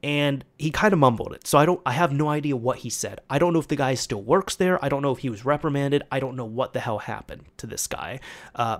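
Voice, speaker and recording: A man casually telling a long story about a bad car repair, often restarting words and quoting both sides of a phone call. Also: medium pitch. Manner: rambling, repeats words, quotes people in a conversational retelling.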